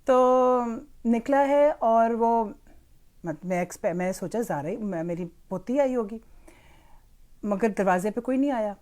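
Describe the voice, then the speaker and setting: A woman's voice: on the high side, darkish tone. An older woman, a grandmother, chattily telling a family story as a parenting lesson and slipping English phrases into her talk. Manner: chatty, switches freely between Urdu and English. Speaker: grandmother sharing parenting advice. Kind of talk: casual storytelling monologue.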